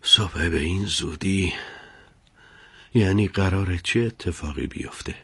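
A man playing a middle-aged servant in an audio story, uneasy and fretful, murmuring his thoughts half under his breath. The voice is deep and low. It is recorded close and dry, with no room sound. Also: gravelly, slightly rough, dry recording, heavily acted. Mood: worried. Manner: worried muttering to himself. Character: anxious middle-aged male household servant.

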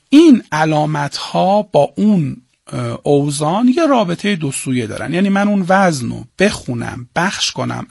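A male teacher giving a lesson and dictating to students, chanting syllables slowly and spelling them out. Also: fairly high pitch, vocal fry, dry recording, studio quality. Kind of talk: classroom lesson on Persian prosody.

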